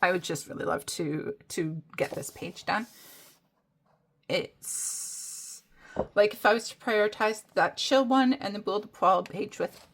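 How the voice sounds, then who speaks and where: A woman's voice: medium pitch, vocal fry, fairly bright tone. Chatty woman showing her coloring books. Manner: chatty, rambling, many fillers and restarts. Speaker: coloring hobby vlogger. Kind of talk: casual show-and-tell chat.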